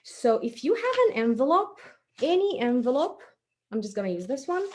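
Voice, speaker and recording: A high, darkish voice with big swings in pitch, she speaks at a moderate pace. Presenting a craft for small children, she's chatty and encouraging, narrating her thoughts step by step while her hands are busy. Faint noise and small clicks sit in the background.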